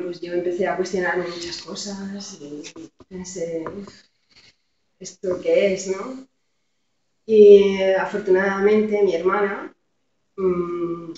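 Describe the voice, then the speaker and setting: Woman from Madrid, Spain accent, slow, hesitant casual storytelling, very echoey, muffled. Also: on the low side, dark tone. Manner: hesitant, giggly. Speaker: interview guest, Buddhist practitioner. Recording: very echoey, distant, muffled microphone.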